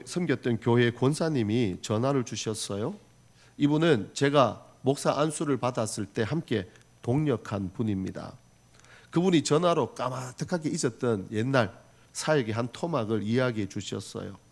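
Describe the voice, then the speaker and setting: A male pastor from the region preaching a sermon, earnest and storytelling, moving from loud exhortation to soft asides. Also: mid-range voice, expressive, normal speed. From Gyeongsang region, Korea. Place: church sanctuary.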